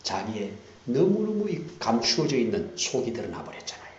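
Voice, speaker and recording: A man pastor preaching a sermon, swinging from hushed whispers to loud emphatic lines and repeating key phrases for emphasis. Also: mid-range voice, sing-song, a little fast. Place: church sanctuary. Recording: dull roomy church recording with faint hiss.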